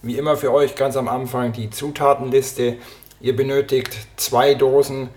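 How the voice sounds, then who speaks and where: A man whose medium-pitched voice is slightly hoarse from a cold hosts a cooking podcast, chatting casually at a moderate pace while preparing a recipe in his home kitchen. He stays relaxed as he chops and cooks, with dishes, pots and pans clattering and clicking in the background.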